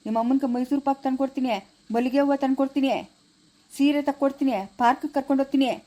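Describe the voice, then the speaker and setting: A woman's voice: sits high, little pitch movement, rapid-fire, warm tone, natural voice. A woman playing a rude, boastful adult male prank caller in a family comedy skit, speaking with a Chikkaballapura Kannada accent and taunting, repetitive talk.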